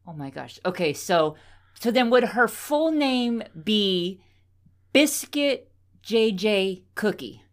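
Slow-talking, easily amused woman co-host. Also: medium pitch, animated. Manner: laughs often, easily amused. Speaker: podcast co-host. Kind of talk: casual chat.

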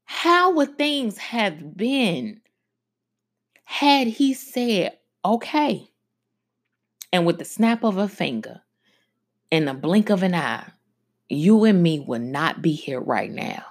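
A woman hosting a faith-based radio talk, preaching conversationally and slowing down for emphasis. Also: lowish voice, very animated. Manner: conversational preaching, slows down for emphasis, frequent asides. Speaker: radio show host.

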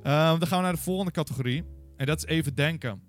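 A man's voice: fairly high pitch, fast, faint music behind. A man co-hosting a casual gaming podcast, running quiz questions with playful banter. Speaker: podcast co-host and quizmaster.

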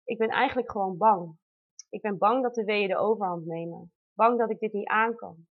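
A woman's voice: mid-range voice, moderate pace. A woman in her thirties reading aloud a heartfelt personal letter about giving birth, in an intimate, tender way. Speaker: mother telling her birth story. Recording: dull lo-fi recording.

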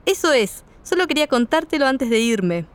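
A woman's voice: high-pitched, sing-song, normal speed, clean tone. A woman playing a young Argentine woman in a scripted lesson dialogue, speaking with a sing-song Argentine Spanish lilt. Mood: pleased. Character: young Argentine woman sharing good news.

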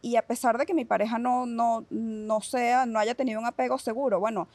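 A woman psychologist with a Venezuelan accent, calmly explaining ideas in a casual podcast conversation and checking in with her listeners as she goes. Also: a little high, a little fast, no echo. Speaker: psychologist guest.

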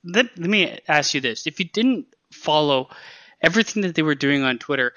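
A man with a bright, slightly high voice, recorded dry and close. He rambles in casual podcast chat, halting and restarting, and swears freely. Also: lively intonation, dry recording, highs cut off. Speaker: podcast co-host.

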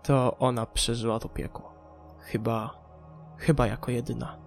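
A man's voice: mid-range voice, level tone, unhurried, creaky, soft background music, pitched below the performer's own voice. A man voicing a cool, guarded woman who is protective of her mother, in an audiobook. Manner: cool and curt.

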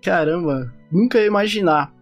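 A man hosting a podcast, asking relaxed, curious questions in casual conversation. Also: high-pitched, normal speed, faint music behind. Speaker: podcast host.

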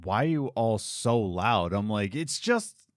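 A man hosting a podcast in casual chat, lively and quick to laugh. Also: fairly low pitch, no echo, studio quality. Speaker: podcast host.

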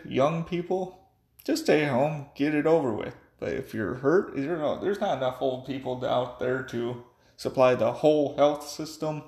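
Tipsy guy rambling on in a vlog, gravelly voice, echoey room, loud then mumbly. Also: fairly high pitch. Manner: rambling, offhand, swings between loud and mumbled. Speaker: vlogger. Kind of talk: rambling casual monologue.

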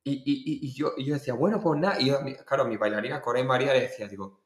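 A man's voice: medium pitch, racing. A man from Spain with a Murcian accent, a guest singer telling stories in a casual podcast interview and acting out voices as he goes. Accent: Murcian Spanish. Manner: animated anecdote-telling, acting out voices with laughs. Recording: echoey room.

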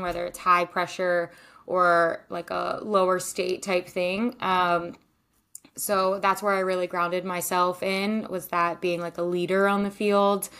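Speaking in a fairly low, somewhat bright voice, a podcast guest who used to play goalkeeper chats through her interview answers. The young Marylander laughs often and fills her speech with likes and ums.

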